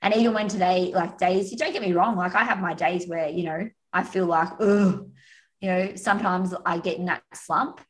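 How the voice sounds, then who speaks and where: A woman from Australia with an Australian accent, a podcast guest telling stories in a chatty, animated way over a remote call. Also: lowish voice, moderate pace, poor audio. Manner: chatty storyteller, animated, frequent "you know" and "like". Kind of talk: casual podcast conversation.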